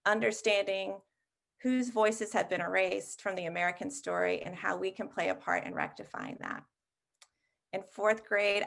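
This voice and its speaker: A woman who heads a school giving a measured assembly address, listing each grade in turn, speaking from home. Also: medium pitch, creaky. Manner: measured, warm listing to students. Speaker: head of school.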